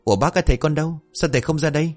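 A man's voice: fairly high pitch, rapid-fire, soft background music, voice pushed up, close to an everyday voice. A man voicing two foolish young male apprentices who plead and panic over their master. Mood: eager, anxious.

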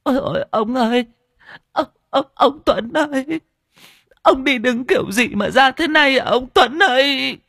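A man's voice: extremely high pitch, a little slow, vocal fry, bright, forceful tone, no echo, studio quality, voice pushed up, heavily acted. A man voicing a grieving old village wife who wails over her husband in an audio story. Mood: wailing. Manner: wailing, sobbing cries.

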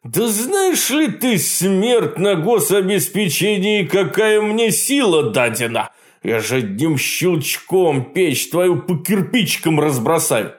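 A man's voice: high voice, big pitch swings, takes it slowly, pitched above the performer's own voice, exaggerated voice. A man voicing a boastful, grumpy old male sorcerer-villain in an audiobook, blustering and indignant, squealing when hurt. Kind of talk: audiobook character voice.

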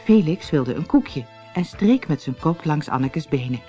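A woman narrating a children's fairy tale in an expressive storybook reading. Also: low voice, unhurried, soft background music. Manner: expressive, lively.

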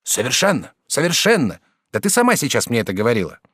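A man's voice: medium pitch, wildly swooping pitch, quick pace, a bit bright, husky, no echo, studio quality, heavily acted. A man voicing a brash, scheming young man who talks in a pushy, impatient way. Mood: insistent.

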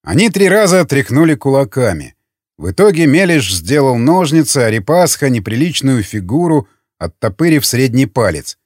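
Male audiobook narrator, lively pitch, measured storytelling, dry close booth sound. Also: no room sound. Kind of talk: scripted narration.

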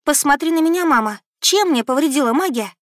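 A woman voices a spirited young noblewoman who argues with eager indignation. Her voice sits high and is recorded dry and close. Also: normal speed, fairly bright tone, no room sound. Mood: indignant.

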